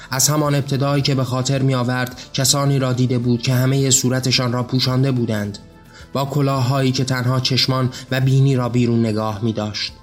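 A male storyteller narrates in a steady, measured way. His voice sits at an ordinary middle pitch. Faint background music runs beneath the reading.

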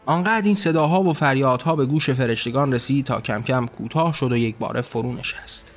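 A man narrating a dramatic storybook tale in a measured, theatrical way. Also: medium pitch, faint music behind.

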